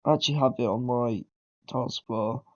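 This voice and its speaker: At a moderate pace, a man with a mid-range, slightly mellow voice speaks over lo-fi audio. He is casually explaining beginner coding despite a cold, rambling, self-correcting, and pausing for ums and throat clearing.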